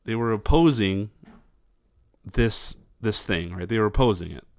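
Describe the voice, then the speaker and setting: Man, low voice, casual political commentary host, halting with fillers. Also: dry recording, clean studio sound. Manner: halting, many fillers and restarts, mocking put-on voices.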